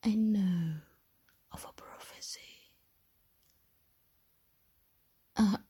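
A woman's voice: mid-range voice, fairly even intonation. A woman whispering as a seductive goddess of fire. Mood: soothing. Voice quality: breathy whisper. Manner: slow, teasing, hushed and intimate. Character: seductive, menacing female goddess of love and fire. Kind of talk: whispered ASMR roleplay.

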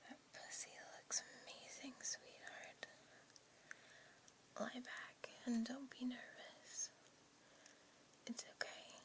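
A woman performing a whispered role-play as a tender but dominant, seductive lover, in a breathy, coaxing way. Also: a little high, flat delivery, takes it slowly, long pauses. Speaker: audio role-play performer in an adult scene.

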